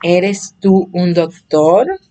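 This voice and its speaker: A woman's voice: lowish voice, lively intonation, extremely slow, dark tone. A woman teaching a basic English lesson in Spanish, patiently explaining and repeating examples for her students. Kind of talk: slow explanatory online lesson.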